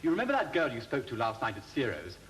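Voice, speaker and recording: Lively, cheeky English young toff. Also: male voice, medium pitch, fast talker, slight background noise, low-quality recording. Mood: nonchalant. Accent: upper-class English. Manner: airy, period slang. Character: breezy, cheeky, feckless young upper-class cousin. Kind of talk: period comedy acting.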